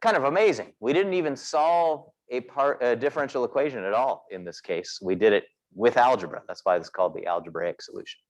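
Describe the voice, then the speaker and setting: In a recorded physics class, a man with a mid-range voice lectures fairly quickly and with hardly any pauses. He still walks through the material step by step, asking the students questions as he goes.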